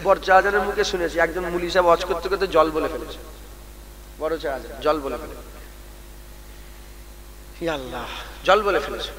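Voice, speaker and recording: High-voiced preacher, echoing loudspeaker. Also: male voice, normal speed, pauses often, slight background noise. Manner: builds from calm teaching to loud chanted exhortation, calls on the crowd to respond. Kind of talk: sermon at a religious gathering. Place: large outdoor religious gathering. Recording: long reverb from a public address system, loud crowd.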